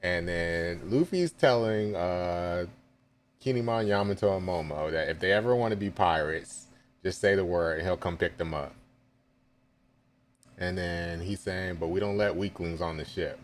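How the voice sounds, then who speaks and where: A man's voice: low voice, moderate pace, a little hiss or hum. A man reading a manga chapter aloud live and reacting with casual asides and chuckles.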